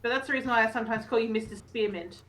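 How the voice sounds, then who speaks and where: Upbeat woman panelist, higher bright voice, faint background noise. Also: rough recording. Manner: enthusiastic, quick agreeing. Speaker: podcast co-host. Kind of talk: casual chat.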